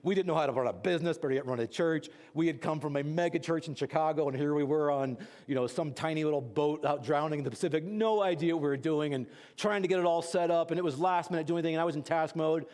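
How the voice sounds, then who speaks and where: A man's voice: fairly high pitch, quick pace, hardly any pauses, a little mellow, big-room sound. A man preaching a sermon as a pastor, telling stories in a conversational way with casual fillers and building to urgent calls to action. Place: church.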